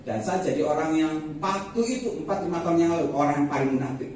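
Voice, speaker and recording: A man's voice: a little high, fast. A man with a lilt preaching a Sunday sermon, telling personal stories with humor and chuckles. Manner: humorous, animated storytelling with chuckles. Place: church sanctuary. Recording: echoey church hall, distant mic, faint noise.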